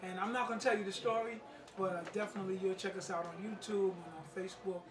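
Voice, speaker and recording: Picked up from a distance in a room full of people, this street-wise New man talks quickly in a high-pitched, fairly even voice. He's a playwright and martial arts master giving an informal interview and presentation at a play reading, with crowd noise around him.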